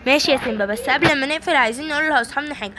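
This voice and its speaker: A woman's voice: high voice, rapid-fire, crowd noise. A woman hosting a children's toy channel, soothing and talking straight to her young viewers. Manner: soothing, addresses viewers directly. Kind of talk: toy play narration to children.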